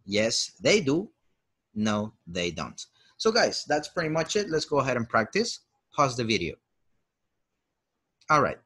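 A man teaches English grammar in an encouraging, chatty way, switching between Spanish and English. Spanish is his first language. His pitch swings widely around a middle register as he drills example sentences. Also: big pitch swings, measured pace, long pauses, a bit bright, husky. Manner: chatty, encouraging YouTube host. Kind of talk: lesson.

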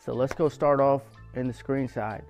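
A young man talks in a flat, even tone as he walks through his basement print shop on a clip-on mic. He explains the rooms in a relaxed, chatty way, and soft music plays quietly underneath. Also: mid-range voice, moderate pace. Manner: relaxed, explanatory, leans on fillers like "game changer". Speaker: small business owner giving a shop tour. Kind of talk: casual walkthrough vlog. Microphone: lapel mic.

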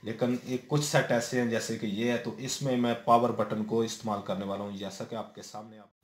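Man, lowish voice, step-by-step repair tutorial, filler-heavy, echoey room, faint background noise. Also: little pitch movement, fairly quick. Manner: explains step by step, many fillers and repeated "theek hai". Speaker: TV repair technician. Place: indoor room at a workbench. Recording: roomy echo with faint noise.

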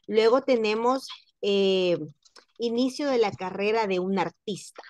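A woman teaching a French class over a video call, speaking at an unhurried, measured pace. She repeats words several times to model how they should sound, and her voice sits at an ordinary middle pitch. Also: darkish tone, no room sound. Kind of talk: online class lesson.

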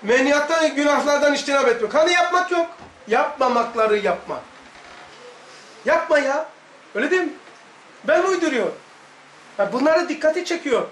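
Man w/ laz turkish accent preaching a lesson, very high voice, keeps repeating himself, asks the room questions. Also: expressive, fairly quick, long pauses, a bit bright, reverberant, a little hiss or hum. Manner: emphatic, repetitive, rhetorical questions. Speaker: religious study teacher. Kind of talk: religious lesson talk.

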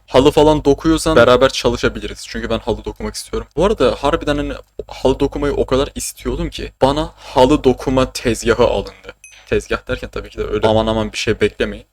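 A young man from Turkey streams a game and chats the whole time, mid-pitched and loose, cracking jokes and swearing freely. He talks in a casual, rambling way with frequent bursts of laughter. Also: fast talker, a little mellow. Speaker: gaming streamer. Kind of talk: casual gaming commentary.

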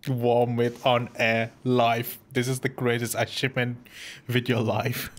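A man streaming a text game, calling out commands slowly and laughing often. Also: medium pitch, completely flat delivery. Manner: slow, drawn-out commands with bursts of laughter. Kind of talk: casual gaming stream.

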